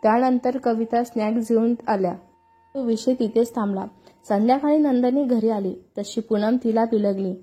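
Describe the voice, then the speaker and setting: A woman storyteller narrating a scripted story with steady, expressive delivery. Her voice is mellow and slightly husky, pitched a little high. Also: moderate pace, faint music behind.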